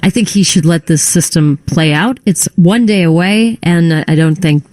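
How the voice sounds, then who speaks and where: Even-handed radio co-host, mid-pitched voice, dry close studio mic. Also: moderate pace, dry recording, rough recording. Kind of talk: casual talk radio discussion.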